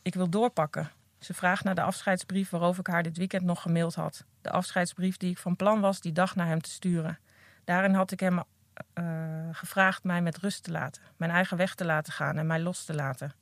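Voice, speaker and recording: A woman with a fairly low voice reads from her own memoir, speaking a little quickly with fairly even intonation. She is a recovering addict, and her first-person delivery is earnest and candid. The recording is dry, captured close on a podcast mic.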